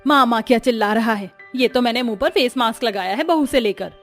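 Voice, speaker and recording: A woman voicing a bossy, stubborn older mother-in-law in an animated cartoon story, who wails and complains loudly. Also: a little high, a little fast, faint music behind, natural voice.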